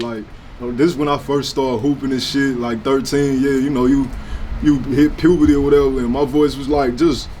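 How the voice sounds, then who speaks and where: Brash young St. rapper talking. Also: male voice, fairly high pitch, a little mellow, slight background noise. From St. Louis, USA. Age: 20s. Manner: brash, profane, slangy. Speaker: rapper, interview guest. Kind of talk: casual sit-down interview talk.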